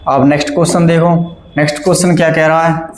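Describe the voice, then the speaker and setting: A man's voice: on the high side, flat delivery, fast talker. Man teaching math in an echoey classroom. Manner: keeps asking the class questions and checking they follow; works sums aloud step by step, repeating numbers. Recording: echoey classroom, faint background noise.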